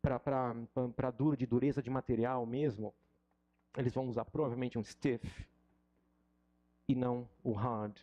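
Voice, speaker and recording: A man's voice: medium pitch, moderate pace, long pauses, dull audio. A middle-aged man with a Brazilian Portuguese accent, an English teacher giving an informal, joking lesson and mocking his students. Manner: animated and joking, mocks students.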